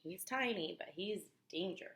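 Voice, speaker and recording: A woman with a medium-pitched voice reads a children's book aloud the way a teacher would, expressive and emphatic. She stops now and then to explain things and ask her young listeners questions. The recording has a roomy, echoey sound.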